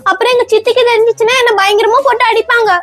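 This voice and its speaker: A woman's voice: very high voice, steady tone, very fast, a bit bright. A woman voicing a neglected young girl who pleads and whines tearfully in a comedy skit. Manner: plaintive, whiny pleading.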